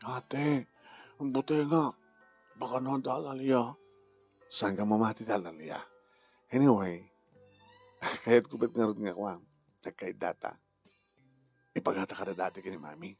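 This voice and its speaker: A man's voice: medium pitch, a little slow, long pauses, a little mellow, breathy edge, soft background music. A man speaking heartfelt family drama dialogue.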